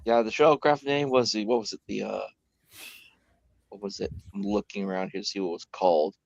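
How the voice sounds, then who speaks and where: A man's voice: lowish voice, animated, a little fast, vocal fry, dry recording, muffled recording. A man running a tabletop game on a live stream, talking casually and thinking aloud with hesitations. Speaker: game master.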